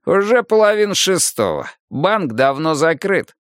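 A man doing a slow, greedy old car seller. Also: fairly high pitch, sing-song, dry recording, clean studio sound, voice pushed up. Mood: curt.

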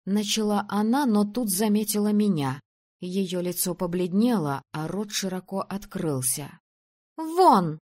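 A woman reading first-person fiction aloud as an audiobook narrator, calm and measured. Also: on the low side.

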